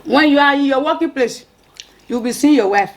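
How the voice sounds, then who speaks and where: A woman's voice: high-pitched, fairly quick. A woman with a West African accent in casual, bantering chat as she eats soup, often repeating herself and humming between phrases. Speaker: wife in a couple's mukbang video.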